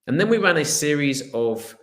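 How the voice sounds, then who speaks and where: A man's voice: a little high, big pitch swings, fairly bright tone. Welsh man in his thirties presenting. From Wales. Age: 30s. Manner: earnest, storytelling, occasional filler pauses. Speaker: business founder presenting. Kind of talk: online presentation. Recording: roomy echo.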